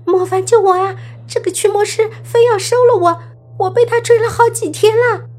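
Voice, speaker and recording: A panicky young male zombie, as a woman reader puts him on, pleading in a high, teary voice. He sounds loud and shrill, lifted far above an ordinary speaking voice. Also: normal speed. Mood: panicked pleading. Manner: tearful, pleading, high-pitched.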